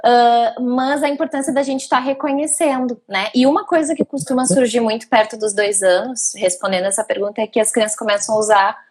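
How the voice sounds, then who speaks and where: Woman, live-stream host, fairly high voice, reads viewer questions, affirming. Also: brisk, hardly any pauses.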